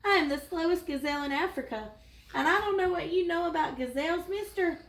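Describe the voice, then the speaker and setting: A jittery gazelle pleads in a high, breathless rush, as a woman reads it aloud. The voice is pitched up well above a normal speaking voice. The room adds a noticeable echo. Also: distant mic, close to an everyday voice. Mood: frantic. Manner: pleading, rushed and high-strung. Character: nervous frantic gazelle, slowest of its herd. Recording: roomy echo.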